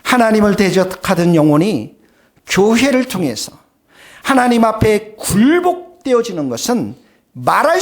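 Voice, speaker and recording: A male pastor delivering a sermon, speaking emphatically and turning often to address the congregation, with plain personal stories mixed in. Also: very high-pitched. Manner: tells personal anecdotes in a plain conversational tone.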